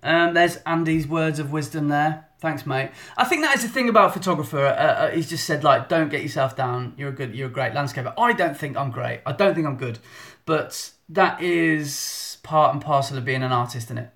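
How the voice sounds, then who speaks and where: A chatty man answering viewers live into his phone, self-deprecating and quick to restart his sentences. His voice sits a little high for a man. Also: lively intonation, a bit bright. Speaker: photographer hosting a live stream. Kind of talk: live stream Q&A chat. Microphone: phone in selfie mode.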